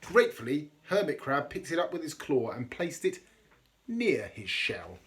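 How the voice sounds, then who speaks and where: A man reading a children's storybook aloud expressively, with dramatic pauses and chatty asides for young listeners. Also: on the high side, sing-song, fairly bright tone. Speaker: storybook reader.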